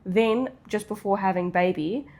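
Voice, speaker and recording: A woman's voice: medium pitch, normal speed, darkish tone. A woman with a South African English accent, chatting casually as she answers questions as a content creator. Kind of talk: casual Q&A chat.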